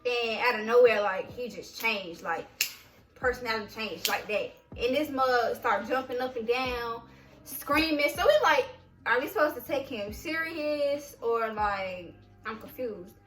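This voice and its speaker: A young woman vlogger telling a story in a casual, animated way, full of "like" fillers. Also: a little high, a little slow. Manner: animated, many "like" fillers, acts out quoted voices. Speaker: vlogger, army veteran recounting basic training. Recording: roomy, distant mic, faint music.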